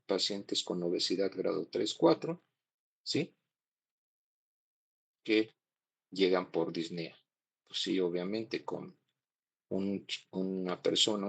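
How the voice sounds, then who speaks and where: Gravelly low-voiced male lecturer. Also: low-quality recording. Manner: explains step by step, checks in with ¿no? and ¿sí?. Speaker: cardiology lecturer. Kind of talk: classroom lecture.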